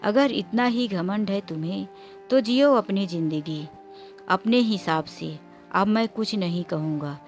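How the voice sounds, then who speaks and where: A woman's voice: medium pitch, measured pace, faint music behind, lightly acted. Give me a stern, disappointed older father, read by a woman in a storybook. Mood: reproachful. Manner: stern, reproachful.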